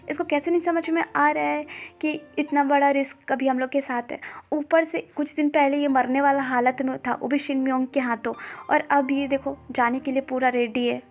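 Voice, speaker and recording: A woman narrating a manga story recap in a conversational way. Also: sits high.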